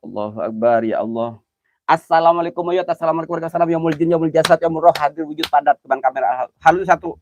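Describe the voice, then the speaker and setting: A man's voice: fairly high pitch, very fast, highs cut off, slight background noise. A man hosting a live ghost-hunting stream, chatting nervously with viewers and calling out their names. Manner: jumpy, chatty, greets viewers by name, nervous exclamations. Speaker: livestream host. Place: outdoors at night near an old well.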